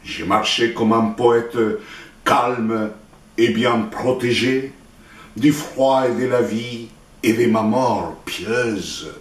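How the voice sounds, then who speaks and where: Short phrases, deliberate pauses, and a solemn, declamatory tone mark this Chilean man's reading of his own poetry. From Santiago and a native Spanish speaker with a Chilean accent, he has a mid-range voice, recorded through a distant microphone with roomy echo.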